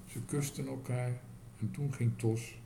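A man reading a children's story aloud as narrator, in an expressive storytelling manner. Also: mid-range voice, unhurried, gravelly, a little hiss or hum.

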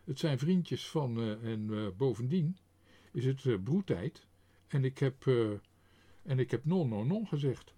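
A man's voice: mid-range voice, lively intonation, measured pace, warm tone. A man voicing a timid male gardener in a storybook reading, hesitant and stammering over his words.

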